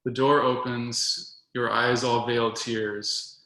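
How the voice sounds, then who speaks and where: Male poet reading own work, steady flat delivery, bright gravelly voice, roomy echo. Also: mid-range voice, slow, slight background noise. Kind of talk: poetry reading.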